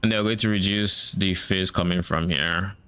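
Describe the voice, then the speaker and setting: A Nigerian man with a low, sharp, clear, and resonant voice speaks at a moderate pace with fairly even intonation. His accent mixes Nigerian and Canadian, and on his live game stream he thinks aloud in casual chat, musing and second-guessing himself.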